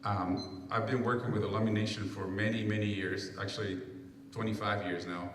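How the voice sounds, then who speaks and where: A man's voice: on the low side, steady tone, normal speed, slight background noise. A man from Peru, a council candidate, giving earnest answers at a public forum and often restarting phrases. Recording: echoey hall, mic far off.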